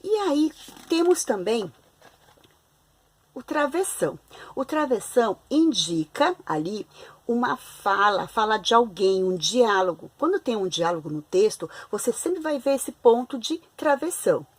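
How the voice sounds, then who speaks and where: A woman teaching a class for young children in Brazilian Portuguese, talking slowly and clearly with stretched-out intonation. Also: fairly high pitch, sing-song. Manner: slow, clear, didactic, with exaggerated intonation on examples.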